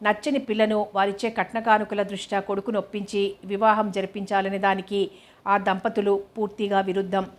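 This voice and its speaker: A woman narrating a storybook in a steady, unhurried reading voice. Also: mid-range voice.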